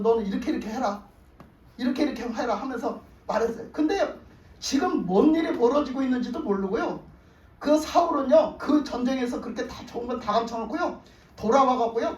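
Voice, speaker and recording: Woman pastor, storytelling sermon, roomy church, mic far away. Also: a little high. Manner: animated storytelling, asks the congregation questions. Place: church sanctuary. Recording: roomy hall, distant mic.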